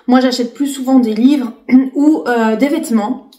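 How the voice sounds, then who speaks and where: A woman in her late thirties talks casually to her camera, with a fairly high voice. She chats loosely, full of fillers and restarts. The room echoes around her. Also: fairly even intonation, unhurried, mellow. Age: 30s. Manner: chatty, many fillers and restarts. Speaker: vlogger. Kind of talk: casual chat.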